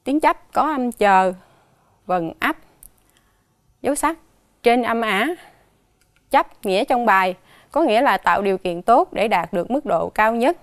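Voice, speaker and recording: Clear, slow-spelling woman teacher. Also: fairly high pitch, lively intonation, dry recording, studio quality. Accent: Southern Vietnamese. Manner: slow, careful spelling-out of sounds and tones. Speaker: primary school teacher. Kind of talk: dictation lesson for children.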